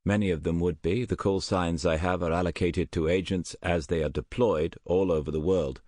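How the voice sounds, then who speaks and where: A man's voice: deep voice, steady tone, moderate pace, a little mellow, no echo, clean studio sound, close to an everyday voice. A man voicing an earnest, careful German officer who has defected, answering questions politely in an audiobook. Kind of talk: audiobook character voice.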